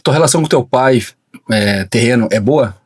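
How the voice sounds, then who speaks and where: Man, podcast host, mid-pitched voice, measured, reflective questions. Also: husky. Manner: measured, reflective, lots of filler words. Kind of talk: thoughtful interview questions.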